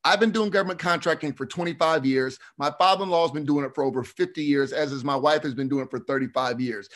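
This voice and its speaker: A middle-aged man with a slight lisp and slushy s sounds, presenting testimony in a halting, frank, self-correcting way on a video call. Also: a little high, a bit bright. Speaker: state legislator presenting a bill. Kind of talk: committee testimony, semi-formal explanation.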